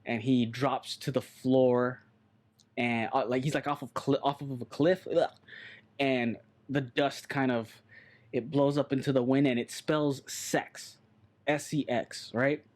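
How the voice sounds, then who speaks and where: A man's voice: mid-range voice, flat delivery, unhurried, a little mellow. A man co-hosting a podcast in casual chat, loose and joking, swearing and repeating himself. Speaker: podcast co-host.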